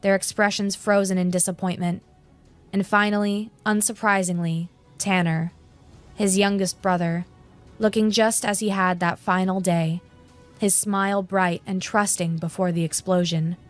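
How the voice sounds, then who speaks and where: A woman narrating a fantasy story in a steady, measured, scripted style. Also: medium pitch, faint music behind.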